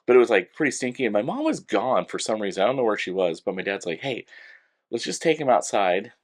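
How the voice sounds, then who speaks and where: Man, podcast co-host, casual storytelling, lively up-and-down pitch, laughs a lot. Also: fast talker. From California. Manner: animated, laughs often, acts out quotes.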